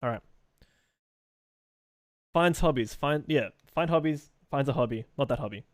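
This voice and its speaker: A young man streaming live, answering chat messages as he draws, in a loose, rambling way. His voice sits at an ordinary middle pitch. The sound is close and dry, with no room echo. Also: normal speed.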